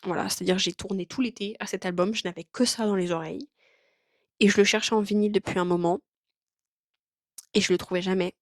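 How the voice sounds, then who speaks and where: A woman's voice: medium pitch, fairly even intonation, brisk, long pauses, no echo, studio quality. A young woman vlogging in casual, rambling chat with lots of fillers and slang.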